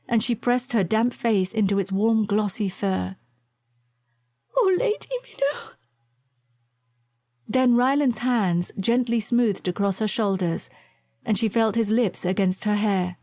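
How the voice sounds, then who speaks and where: Woman narrator for a romance audiobook, mellow and measured, dry close sound. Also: mid-range voice, no room sound.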